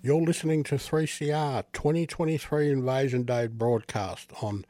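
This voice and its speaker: A man's voice: mid-range voice, steady tone, moderate pace, warm tone. A male radio announcer giving a station identification, heard as an AM radio broadcast from a distance. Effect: AM radio broadcast sound.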